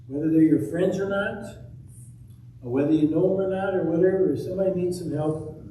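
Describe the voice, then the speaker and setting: A man leads a children's talk, reading a rhyming story aloud and playfully coaxing the kids to supply the missing words. His voice sits a little high. It echoes heavily around a large church, caught from a mic set well back. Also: dark tone, distant mic, a little hiss or hum.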